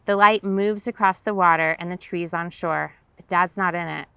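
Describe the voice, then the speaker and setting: A woman's voice: lowish voice, steady tone, normal speed, gravelly, bright, forceful tone, smooth, no echo. A woman author reading her own novel aloud in tense, vivid first-person narration.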